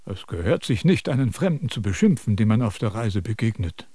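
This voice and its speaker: An actor playing a self-important sage who lectures and scolds in a radio drama. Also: male voice, fairly low pitch, sing-song, a little fast, mellow, breathy edge, dry recording. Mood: lecturing. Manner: pompous, preachy, scolding.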